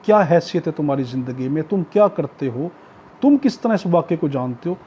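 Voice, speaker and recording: A law lecturer with a Pakistani accent reads out provisions and then paraphrases them, teaching didactically by repeating and rephrasing each point. His high, mellow, husky voice has lively intonation and runs a little fast. The lo-fi recording is dull, with a little hiss or hum.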